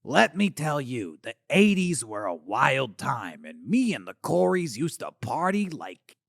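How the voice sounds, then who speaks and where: Man doing a gravelly, slurring has-been alien star; slow, rambling, pitch jumping all over, dry close mic. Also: very animated, a bit bright, no room sound, heavily acted. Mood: boastful. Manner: rambling, slurry, swings between boasting and muttering. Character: washed-up male 80s alien puppet star, boozy and bitter. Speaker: talk show host character. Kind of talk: comedic character monologue.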